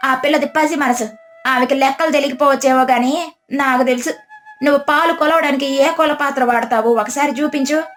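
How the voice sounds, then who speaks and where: A woman voicing a bold, outspoken village woman who scolds loudly in a raised, higher voice. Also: fairly even intonation, fairly quick, faint music behind. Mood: scolding. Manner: loud, scolding.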